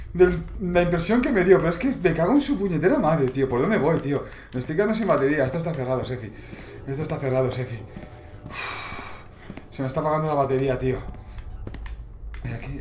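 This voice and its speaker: A gamer with a fairly high voice commentates a horror game, panicking, swearing, and shouting in fright. His echoey room adds a little hiss or hum to the recording.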